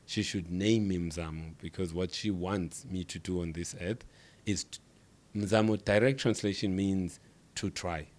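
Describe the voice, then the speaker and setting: Low-voiced South African man, measured. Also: fairly even intonation, a little mellow. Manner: measured, drives points home by repeating phrases. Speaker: podcast guest. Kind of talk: reflective interview talk.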